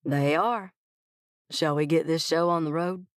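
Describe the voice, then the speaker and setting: An older Texan boss talks in a gentlemanly twang with a brusque edge, as a female narrator puts him on. His lines are folksy and to the point, recorded dry and close for an audiobook. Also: low voice, steady tone, a little slow, clear, resonant tone, no room sound. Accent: Texas twang. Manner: gentlemanly, brusque, good-old-boy drawl. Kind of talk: audiobook dialogue.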